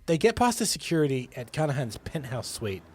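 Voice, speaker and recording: A man hosting a podcast, casually retelling a film script with animated delivery and frequent laughs. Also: mid-range voice, fairly quick. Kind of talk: casual storytelling chat.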